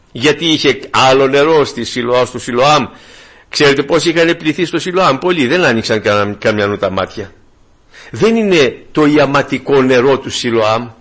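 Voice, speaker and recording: A man's voice: on the high side, a bit bright, slightly rough. A man preaching a sermon to his congregation, fervent and emphatic, asking rhetorical questions and repeating key phrases.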